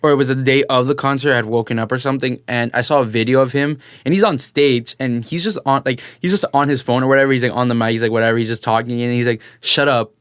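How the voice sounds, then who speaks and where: Excitable young man telling a story. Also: mid-range voice, fast, few pauses, clear, resonant tone, no room sound, clean studio sound. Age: young adult. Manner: animated, excitable storyteller, acts out quotes. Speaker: podcast guest. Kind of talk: casual storytelling chat.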